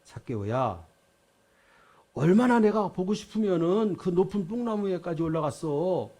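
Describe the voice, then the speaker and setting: An older pastor voicing a gentle, tender male Lord who speaks in a soft, reassuring tone. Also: sits high, very animated, moderate pace.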